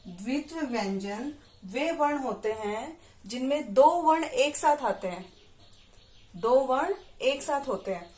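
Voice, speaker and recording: A woman teaching young children in a classroom lesson. Her voice sits a little high, and she speaks very slowly, stretching out syllables and asking questions as she goes. The room gives her voice a clear echo. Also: animated, darkish tone. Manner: patient, stretches out syllables and quizzes the listener. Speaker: primary school teacher.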